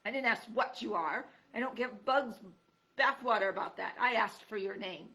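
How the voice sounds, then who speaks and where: Woman reader voicing a bellowing, scornful old male porcupine; gritty, bright, insulting. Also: a little high, normal speed. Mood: gruff scornful.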